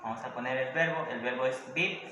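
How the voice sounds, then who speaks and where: Speaking fairly quickly at a medium pitch, a male English teacher leads a recorded grammar lesson in class. He breaks everything down step by step and often asks questions to check in, while the echoey room adds faint background noise.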